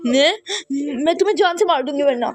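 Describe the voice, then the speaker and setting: A woman's voice: high voice, lively intonation, a little fast. A woman voicing a cruel, scheming stepmother in a life-sim game story, speaking in a harsh, accusing and threatening way.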